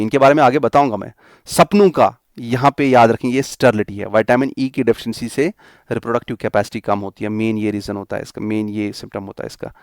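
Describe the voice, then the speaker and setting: Male exam-prep tutor, young, who drills memory tricks slowly and again and again, in a mid-pitched voice and a dry room. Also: dry recording. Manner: repeats mnemonics slowly, spelling letters out. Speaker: teacher. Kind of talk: exam coaching lecture.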